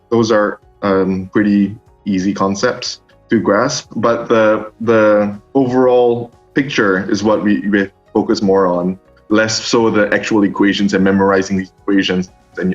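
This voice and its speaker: A young man from Singapore, a master's student, answering interview questions in a halting way full of ums and restarts. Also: lowish voice, steady tone. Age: young adult. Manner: hesitant, many ums and restarts. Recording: dull lo-fi sound with faint music.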